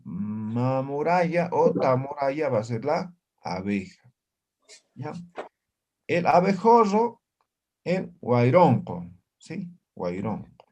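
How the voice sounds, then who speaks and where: A man leads a relaxed online language lesson at an unhurried pace. His pitch moves up and down a lot as he says each word twice. He keeps checking in with the class as he goes. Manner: slow and lively, repeats each word and keeps asking the class "¿no?". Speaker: Aymara language teacher.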